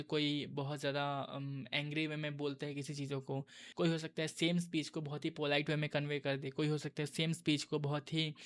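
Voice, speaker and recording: A young man tutors students for an exam in a relaxed, chatty way, calling his viewers bro. His voice sits a touch high for a man and stays fairly level. It sounds like a voice-over made while recording his screen. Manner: casual, addresses viewers as bro. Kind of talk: casual exam-prep lesson.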